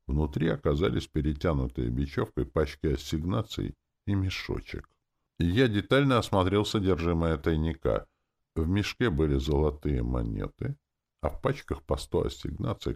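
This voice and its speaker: Man, deep low voice, gravelly, lively wry first-person audiobook reading. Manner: wry, sardonic. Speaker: audiobook narrator. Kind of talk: first-person story narration.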